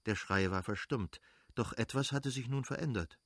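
A man reading a literary novel aloud as narrator, measured and dramatic. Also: mid-range voice, fairly bright tone, dry recording, studio quality. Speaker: audiobook narrator.

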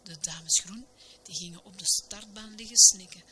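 Whispered storybook reader, woman, gentle, noisy recording. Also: medium pitch, moderate pace. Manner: soft, hushed, gentle delivery.

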